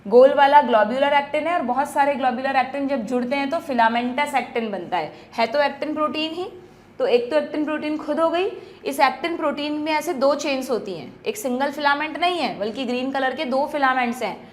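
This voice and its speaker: High-voiced woman teaching biology. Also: fairly quick. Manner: explains step by step, checks in with students. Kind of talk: exam-prep lecture at a whiteboard.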